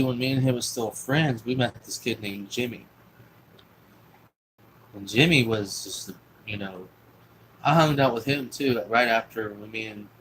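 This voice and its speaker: A man's voice: fairly low pitch, a bit bright, slight background noise, low-quality recording. A young man telling a long personal story in a rambling, profane, casual way. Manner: rambling, profane, full of fillers and restarts.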